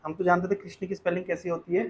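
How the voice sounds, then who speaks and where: Male teacher, high pitch, quizzing style, roomy classroom sound. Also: level tone, racing, a little hiss or hum. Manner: questioning, coaxing students to answer.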